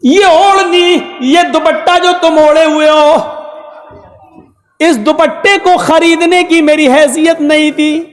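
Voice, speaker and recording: A man's voice: very high-pitched, fairly even intonation. A man voicing a stern ruler who presses his wife with repeated questions in a sermon story. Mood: questioning. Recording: echoey hall with long reverb.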